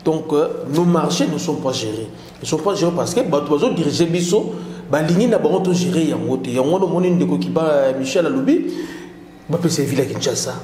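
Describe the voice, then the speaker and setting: Mellow male host. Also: on the high side, expressive, brisk, reverberant, in a large hall, slight background noise. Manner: interjecting, mixes French and Lingala. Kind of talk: political talk show discussion.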